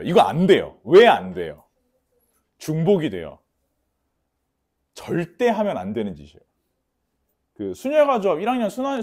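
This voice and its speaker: Emphatic male math teacher, lively pitch. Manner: emphatic, mixes polite speech with rough slang; repeats key warnings, asks students for confirmation. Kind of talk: lecture to students.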